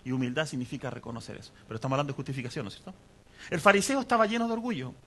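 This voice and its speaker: A man's voice: mid-range voice, lively intonation, racing, sharp tone. A man preaching a sermon as pastor, conversational and asking the congregation questions.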